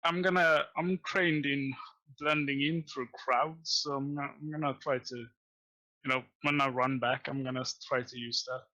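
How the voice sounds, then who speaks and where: A male player in a tabletop game casually explains his character's moves. His voice is very bright and tense, sitting in a middle pitch. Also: steady tone, moderate pace, muffled recording.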